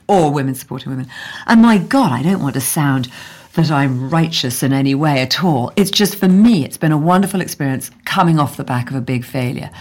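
An English woman being interviewed over lunch, speaking earnestly and reflectively, often restarting her sentences. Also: a bass voice. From England. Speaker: guest.

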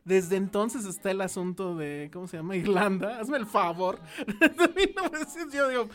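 A woman's voice: medium pitch, expressive, normal speed. A woman with a Mexican accent, hosting a casual film chat podcast, joking and slangy with frequent laughs. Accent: Mexican Spanish. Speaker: podcast host.

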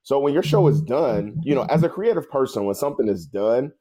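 A man's voice: medium pitch, expressive, brisk, dark tone. A man chatting casually as a podcast co-host, informal and conversational, often repeating himself. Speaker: podcast co-host, news producer.

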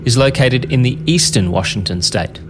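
A man's voice: mid-range voice, moderate pace. Male storytelling host over background noise. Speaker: podcast host and narrator. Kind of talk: scripted storytelling narration.

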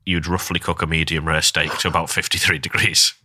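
Deep but bright-sounding guy from northern england, chatty podcast host, lots of ums, dry room. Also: flat delivery, fairly quick, slightly rough, no echo. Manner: chatty, hesitant with many ums. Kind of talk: casual chat.

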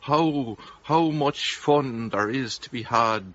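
Through a muffled, very noisy recording comes a man acting as a hapless Irish Midlands countryman in a comedy sketch. He plods along extremely slowly, halting and giggly as he promotes his county. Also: medium pitch, close to an everyday voice. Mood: earnest, halting.

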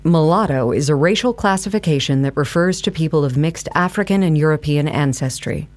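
A narrator reads scripted historical material for an audio play in a measured, matter-of-fact manner over background music. The voice is mid-range and lightly acted, and the mood stays measured and factual.

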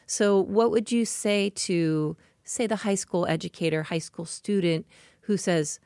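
A woman interviewing a guest, agreeing and then asking measured questions. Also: mid-range voice, a little mellow, no room sound.

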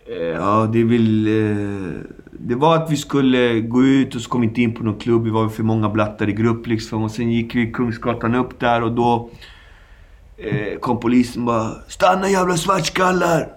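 Speaking at medium pitch with fairly even intonation, this Swedish guest in his forties, from the Stockholm suburbs, talks openly about his past in an interview. His telling is slangy and vivid, with sound effects thrown in.

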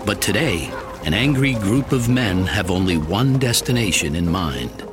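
A man's voice: low voice, big pitch swings, a little slow. A man narrating a scripted true-crime documentary in an ominous, suspenseful horror-trailer manner. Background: music behind the voice.

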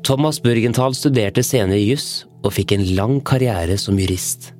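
A man narrating a scripted history story in a calm, plain way. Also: lowish voice. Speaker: podcast narrator. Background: faint music.

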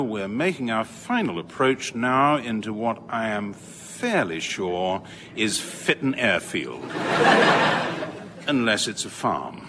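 A mischievous veteran co-pilot speaking to passengers over the cabin loudspeaker, with a dry, teasing, mock-formal delivery. He talks slowly and his pitch rises and falls a great deal. The radio play recording has a long reverb and loud noise behind it. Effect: pilot's announcement over the cabin loudspeaker. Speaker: airline first officer. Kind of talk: radio comedy acting.

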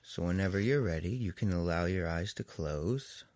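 A therapist guides a meditation in a soothing, low, darkish voice. He pauses at length between phrases.

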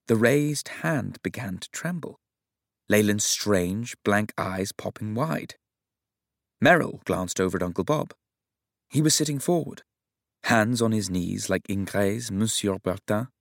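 A man reading a novel aloud as narrator in a measured, even storytelling manner. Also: lowish voice, creaky, dry recording, clean studio sound. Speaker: audiobook narrator. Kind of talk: scripted narration.

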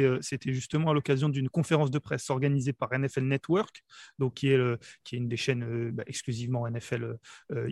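Guy from the south of france, reporter, talks fast with tons of euhs. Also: medium pitch, darkish tone, no room sound, studio quality. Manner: hesitant, many fillers and restarts. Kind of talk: casual podcast chat.

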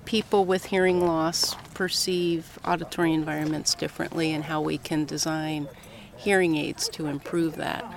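Interviewed casually on a coastal path, a middle-aged woman professor from Colorado, United States, talks with hardly any pauses. Her deep, creaky voice keeps a level tone at a normal speed. Light outdoor ambience and a crowd can be heard behind her.

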